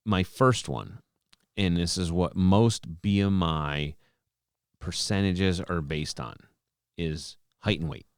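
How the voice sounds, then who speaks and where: This man in his 40s co-hosts a podcast, explaining at length in relaxed conversation with many restarts. He speaks slowly in a deep, clean voice, recorded dry at studio quality.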